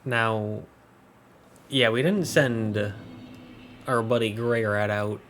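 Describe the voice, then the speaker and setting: A man's voice: on the low side, steady tone, takes it slowly, fairly bright tone, a little hiss or hum. A man giving casual, joking commentary as he plays through a game. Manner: chatty, joking asides. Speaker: gameplay commentator.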